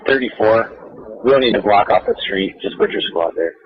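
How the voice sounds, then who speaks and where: A man's voice: fairly low pitch, moderate pace, husky, no room sound. A man speaking as a police officer at a scene, giving clipped, businesslike calls over a walkie-talkie. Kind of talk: terse police radio calls. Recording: archival lo-fi police radio.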